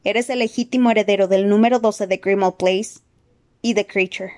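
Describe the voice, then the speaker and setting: A woman voicing a calm, courteous old male wizard in an audiobook, measured and gently good-humored. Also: mid-range voice, natural voice. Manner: measured, polite, gently amused. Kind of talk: audiobook character voice.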